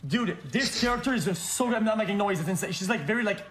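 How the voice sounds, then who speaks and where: A man chatting while he plays a game, quick and rambling, cursing as he goes. His voice sits a little high, and faint noise hums behind him. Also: fairly bright tone. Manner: fast, rambling, swearing. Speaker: streamer. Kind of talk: casual gaming chat.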